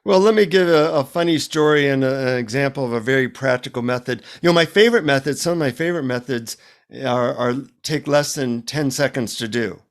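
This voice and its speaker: A man's voice: mid-range voice, brisk. A man, a psychotherapist and author, telling humorous stories in a casual interview. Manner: lively anecdotal storyteller, humorous asides.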